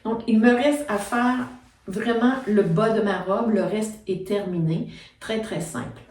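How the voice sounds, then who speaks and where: Filmed at home on a phone set back from her, this knitting and sewing vlogger, a middle-aged Québécoise, chats casually through her sewing work step by step with many fillers. Her medium-pitched voice is a little slow and a little mellow. Echo in the room gives it a spacious, somewhat distant quality.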